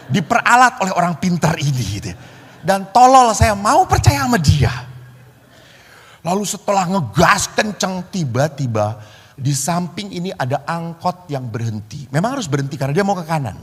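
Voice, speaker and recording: Husky middle-aged priest telling stories. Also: male voice, sits high, in a large hall. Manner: storytelling, lively and comic, addresses the congregation. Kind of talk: sermon.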